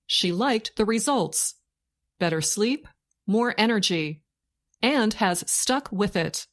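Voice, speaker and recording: A woman narrates a scripted news report for learners slowly and deliberately, in short phrases with pauses, like a dictation. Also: medium pitch, animated. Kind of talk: slow scripted learning-English news reading.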